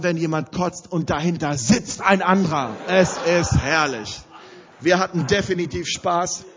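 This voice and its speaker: A man preaching, telling a funny story in an animated, often laughing way before citing scripture. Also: high-pitched, highs cut off. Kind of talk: story-driven sermon.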